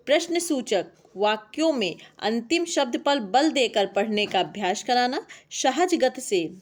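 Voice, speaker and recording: Young woman teacher reading out exam points, voice a bit high, steady lecture pace. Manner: reads lists of points, steady classroom delivery.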